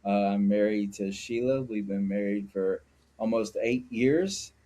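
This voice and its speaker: Low, mellow-voiced man from Mississippi. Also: unhurried. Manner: candid and reflective, with frequent fillers. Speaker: guest, sober living founder. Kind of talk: personal interview.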